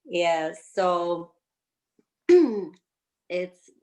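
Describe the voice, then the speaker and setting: A mature woman from Azerbaijan speaks with an Azerbaijani accent, answering casually in halting, loosely built non-native English. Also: lowish voice, lively intonation, warm tone, rough recording. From Baku, Azerbaijan. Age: 50s or older. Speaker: interview guest, yoga community member. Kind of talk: casual conversational interview answers.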